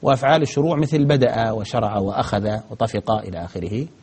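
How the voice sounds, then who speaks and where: A man's voice: on the low side, fast talker, a little mellow, breathy edge. A man teaching grammar on a broadcast lesson, answering viewer questions methodically, step by step, with frequent hesitations.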